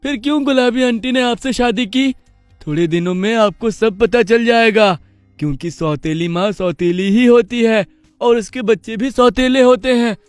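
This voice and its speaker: A sulky, resentful young boy calf in a cartoon tale, played by a man. The voice sits high, and it is recorded close and dry. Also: normal speed, clear, resonant tone, dry recording, faint music behind. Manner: bitter and resentful. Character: angry jealous young male calf.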